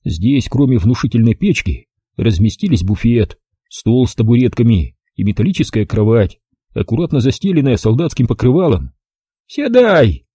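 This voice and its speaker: A man narrating a detective novel as an audiobook in the first person, in a calm, wry manner. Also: mid-range voice, normal speed, husky, no room sound. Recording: dry close audiobook recording.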